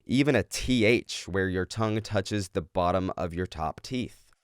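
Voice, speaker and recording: A man's voice: low-pitched, unhurried, smooth. A man giving instructional explanations as a vocal coach. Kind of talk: instructional explanation of screaming technique.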